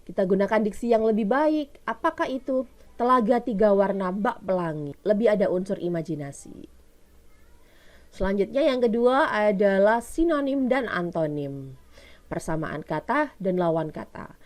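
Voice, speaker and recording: A woman's voice: mid-range voice, a little mellow. A woman teacher with an Indonesian accent giving a recorded lesson, explaining step by step and asking her pupils questions she answers herself.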